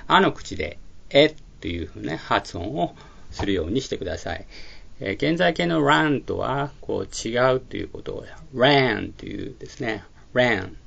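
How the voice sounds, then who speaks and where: A man teaching a pronunciation lesson, speaking slowly and carefully, with frequent filler pauses. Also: mid-range voice, sing-song, creaky, a bit bright, husky. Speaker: English teacher. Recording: dull lo-fi recording.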